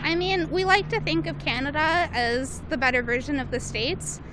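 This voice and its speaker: Woman with a high voice, earnest and fluent, loud street noise. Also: normal speed. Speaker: street interviewee. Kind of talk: street vox pop answer. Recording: outdoors with loud traffic.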